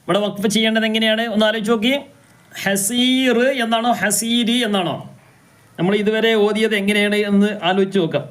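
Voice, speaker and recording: A male recitation teacher leads a live class with a high-pitched, resonant voice. He works through each rule by posing questions, then demonstrates with slow, drawn-out chanting of the verses. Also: fairly even intonation, a bit bright. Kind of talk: live class, explaining rules and reciting examples.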